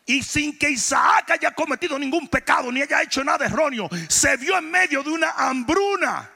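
A man, a pastor, preaching a sermon, often shouting his points and joking with the congregation. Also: very high voice, normal speed, gravelly, long reverb tail. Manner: preaching with shouted emphatic lines and joking asides.

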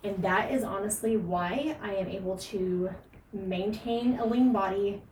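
A woman's voice: mid-range voice, unhurried, a little mellow, roomy sound. Woman fitness podcast host, emphatic and earnest, distant mic with faint noise. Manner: emphatic, earnest, frequent fillers and laughs. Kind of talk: casual podcast advice.

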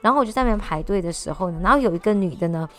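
A woman telling a personal story to camera in a casual, animated way, often restarting and repeating words. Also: medium pitch, racing. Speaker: vlogger.

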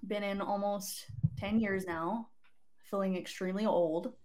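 A woman in her late twenties from Southern California, a guest talking casually about her army career, easygoing and quick to laugh. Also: medium pitch, fairly even intonation, a little mellow. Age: 20s. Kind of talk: casual chat.

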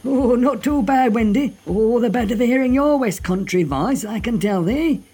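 A man's voice: extremely high pitch, animated, moderate pace, mellow, a little hiss or hum. A man playing a jovial, grumbling Northern English radio host with a folksy, droll manner in a comedy show. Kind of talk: comic radio monologue and phone-in.

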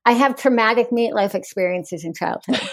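A woman's voice: mid-range voice, darkish tone, dry recording. A woman in her forties, a guest author in a candid podcast interview, talking frankly with wry humor and easy laughter.

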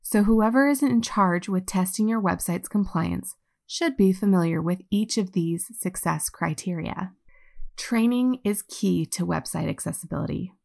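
A woman giving a measured, informative scripted narration for a company. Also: medium pitch, creaky, darkish tone.

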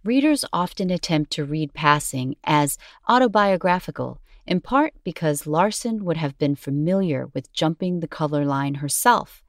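A low-voiced woman narrates an educational script in a measured, articulate way, her intonation lively. The recording is dry, with very little room sound.

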